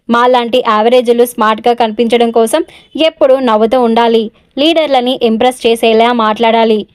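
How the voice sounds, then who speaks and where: A woman's voice: a little high, darkish tone, smooth, dry recording, studio quality. A woman with a Telugu accent reading a romance story aloud, voicing every character's lines in her own voice. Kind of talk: scripted narration of a romance story.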